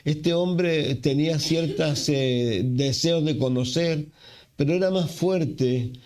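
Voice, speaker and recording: A man from Chile preaching a sermon as pastor, unhurried, with fillers and self-corrections. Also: on the high side, darkish tone. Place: church.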